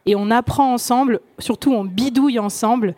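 A woman's voice: a little high, brisk, darkish tone, dry recording. Chatty French woman on a dry stage. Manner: chatty, loose, frequent fillers and restarts. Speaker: podcaster and panel guest. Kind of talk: round-table discussion. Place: conference stage.

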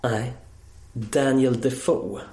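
A man hosting a radio show who asks quiz questions and interviews a guest in a relaxed, friendly way. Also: medium pitch, roomy sound. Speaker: radio host.

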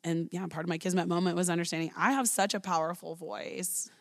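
A woman in her thirties who works as an early childhood educator tells her personal story in an interview. She's earnest and talkative, peppering her speech with "like" and "right?", and her lowish voice is steady and brisk, with vocal fry.

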